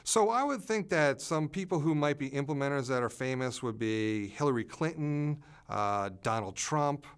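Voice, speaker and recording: A man explaining communication styles as an expert in an interview, pausing often with "uh" fillers. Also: on the high side, expressive, clean tone.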